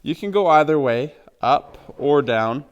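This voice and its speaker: A man, a horse trainer, calmly explaining knots step by step in a plain, practical way. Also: a little high, a little slow, clean tone. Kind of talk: instructional demonstration.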